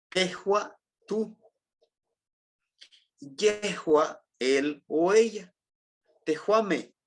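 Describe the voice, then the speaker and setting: A man teaching a language class in Spanish with a Mexican accent, patiently repeating words and checking that the students remember. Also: a little high. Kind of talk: classroom lesson.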